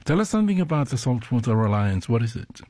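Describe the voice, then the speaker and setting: A man hosting a radio interview program, asking questions in an unhurried way with many pauses and fillers. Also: medium pitch, sing-song, dark tone, dry recording.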